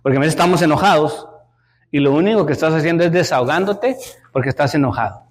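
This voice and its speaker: Brief: middle-aged Mexican male Sunday school teacher, high voice, animated and questioning. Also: fast. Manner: animated, repeats words, asks the class questions. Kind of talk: Sunday school lesson, preaching.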